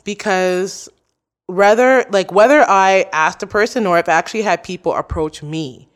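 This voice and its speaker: A woman's voice: medium pitch, normal speed. A woman who hosts a podcast, interviewed as a guest and talking in an earnest, chatty way full of "like" and "you know". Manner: chatty, many likes and you knows. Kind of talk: casual interview chat.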